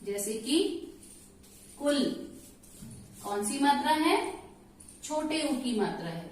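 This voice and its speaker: A woman's voice: a little high, sing-song, far from the mic, slight background noise. Patient woman teacher in an echoey room. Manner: slow, patient explaining with questions to pupils. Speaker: school teacher. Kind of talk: classroom lesson.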